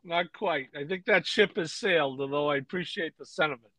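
A man co-hosting a racing podcast, talking in a measured way with dry wit. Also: on the high side, pushed and bright, no room sound. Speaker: co-host and racing analyst. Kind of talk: casual panel chat.

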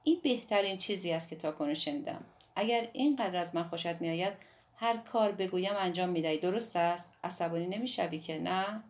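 A woman voicing a playful, bold young woman in an audiobook, her delivery bright and teasing. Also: on the low side, natural voice. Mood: pleased. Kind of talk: audiobook dialogue reading.

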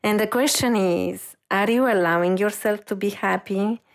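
A woman's voice: mid-range voice, normal speed. A woman reiki master giving an intuitive reading on a podcast, speaking earnestly and reassuringly. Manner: earnest, warm reassurance, gentle and reflective.

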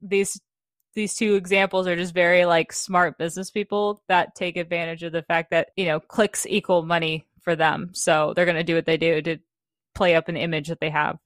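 A woman's voice: lowish voice, level tone, normal speed, dry recording, clean studio sound. A woman co-hosting a podcast in casual chat, laughing often and swearing casually. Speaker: podcast co-host.

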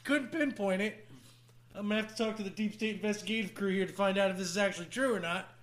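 A man with a high, forceful voice hosts a comedy podcast. He talks casually, teasing his co-host and swearing as he goes. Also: fast. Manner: teasing, profane. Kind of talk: casual comic banter.

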